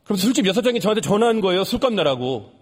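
A young man giving an earnest sermon testimony, repeating lines for emphasis and dropping soft at sad moments. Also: high voice, very animated, racing.

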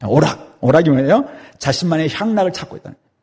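A man's voice: fairly high pitch, lively intonation, fast, a little mellow, slightly rough. A man preaching an expository sermon, emphatic and dramatic, asking rhetorical questions. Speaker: pastor.

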